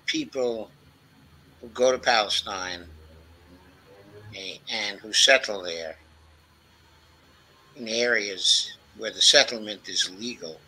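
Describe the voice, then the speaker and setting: A man's voice: fairly low pitch, slow, long pauses, pushed and bright, breathy edge, low-quality recording. A man joining a casual political discussion over a video call, emphatic, dropping in "okay" asides. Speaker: guest.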